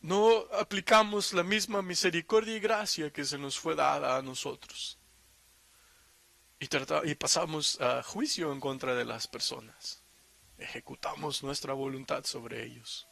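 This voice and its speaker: A man's voice: fairly high pitch, fairly even intonation, measured pace, vocal fry, a bit bright. A man preaching a sermon in Spanish, reading scripture aloud and explaining it with emphatic asides and rhetorical questions. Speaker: pastor.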